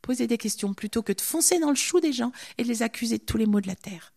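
A woman giving an informal Bible teaching, reading scripture aloud and commenting on it in a chatty, lively way. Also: a little high, fast, gravelly. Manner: reads scripture then comments chattily, voices the characters' lines.

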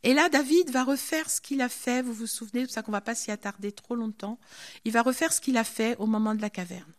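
A woman giving an informal Bible teaching, reading scripture aloud and commenting on it in a chatty, lively way. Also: on the high side, brisk. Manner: reads scripture then comments chattily, voices the characters' lines.

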